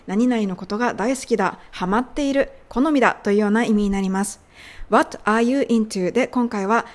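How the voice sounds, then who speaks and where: A woman whose native language is Japanese, hosting an English lesson podcast, explaining and slowly modeling English phrases. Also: a little high, darkish tone. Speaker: English teacher.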